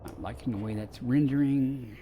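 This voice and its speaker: A man's voice: medium pitch, normal speed, mellow, a little hiss or hum. A man streaming a space game, chatting casually with viewers and musing aloud with dry sarcasm. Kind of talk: casual gameplay chat with viewers.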